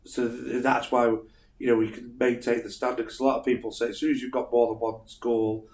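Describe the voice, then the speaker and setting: A man's voice: medium pitch, flat delivery, fairly quick, a little mellow, echoey room. A man with a northern English accent, a martial arts instructor, talking humbly and rambling with many fillers. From northern England. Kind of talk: casual interview.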